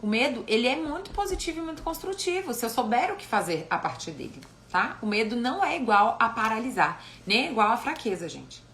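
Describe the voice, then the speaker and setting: A woman psychologist gives an animated live-stream talk. She often ends phrases with tag questions. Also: a little high, brisk, few pauses. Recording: echoey room with faint noise.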